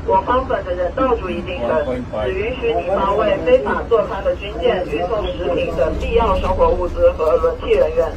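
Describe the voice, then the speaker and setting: A man as a coast guard radio operator giving a formal, scripted challenge over a marine radio transmission. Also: high voice. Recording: distant muffled radio with loud noise.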